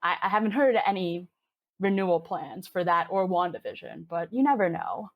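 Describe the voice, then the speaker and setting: In a casual podcast interview, a twentysomething woman from Hong Kong chats with real enthusiasm, sprinkling in many fillers. Her lowish voice moves at a normal speed, and the recording has its high frequencies cut off.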